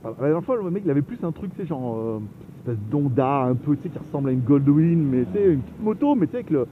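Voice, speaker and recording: Chatty French man riding into loud wind. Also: fairly high pitch, very animated, fast. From France. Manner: chatty, rambling, laughs often. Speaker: motovlogger. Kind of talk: casual riding commentary. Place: on a motorbike on the open road. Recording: phone-like sound, loud wind noise.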